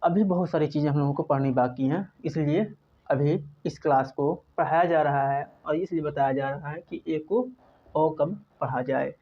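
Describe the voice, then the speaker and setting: Patient teacher. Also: male voice, a little high, moderate pace. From India. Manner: patient, repeats points, asks and answers his own questions. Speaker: English teacher. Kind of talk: spoken classroom lesson. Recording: dull lo-fi recording.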